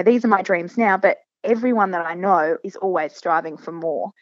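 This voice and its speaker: An Australian woman in her thirties speaks as an interview guest in a fairly low voice, thoughtful and earnest, often restarting her sentences. The sound is dry and slightly dull, like a lo-fi recording. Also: no room sound. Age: 30s. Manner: reflective, earnest, many restarts and fillers. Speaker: guest business founder. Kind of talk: casual interview conversation.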